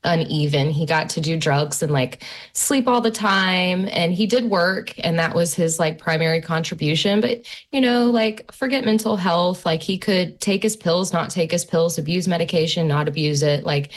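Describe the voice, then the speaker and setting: A woman in her thirties telling stories in a casual conversation, chatty and animated, full of fillers. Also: lowish voice, moderate pace.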